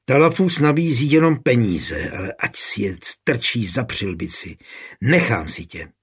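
A coarse, quick-tempered lord of a castle, as the narrator puts him on. He talks gruffly and bluntly in a husky voice, sitting a little higher than the narrator's own. It plays out like a storybook reading. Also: animated. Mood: mocking.

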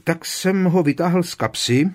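A man's voice: sits high, voice pushed up, natural voice. Ron, a man doing an eager teenage wizard. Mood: earnest. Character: teenage boy wizard, defensive and earnest.

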